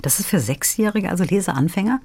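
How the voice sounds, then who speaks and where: A man's voice: sits high, lively intonation, a little fast, darkish tone, slightly rough, no room sound. A man hosting a radio book segment, asking conversational questions. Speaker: radio host. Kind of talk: radio interview.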